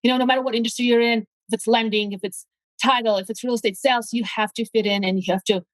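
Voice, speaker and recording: She's a Latvian guest, a real estate agent, eager on a laid-back interview and speaking English, not her first language, with a Latvian accent. Her fairly high voice holds a steady tone at a fast clip, and she repeats words as she gropes for phrasing. No echo, but poor audio quality.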